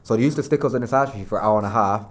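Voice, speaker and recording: A young man with a lowish voice rattles through his stories at speed. He talks in a relaxed, slangy way, dropping fillers as he goes. He sounds like a guest chatting easily with friends. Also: very fast. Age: young adult. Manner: laid-back storytelling with slang and fillers. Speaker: podcast guest, former footballer. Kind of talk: casual chat.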